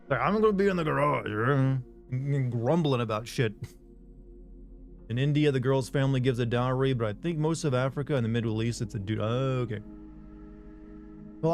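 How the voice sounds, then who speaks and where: A game streamer with a slightly mellow, mid-range voice reads out messages from his chat. Just a regular guy, he rambles casually and makes fun of himself during the live stream while a faint music bed plays.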